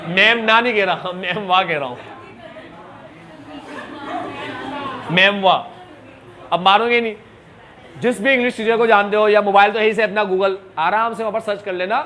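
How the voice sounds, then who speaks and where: A man's voice: sits high, bright, forceful tone. A man teaching a class, chatty and joking, mixing Hindi and English terms. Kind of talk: classroom lecture.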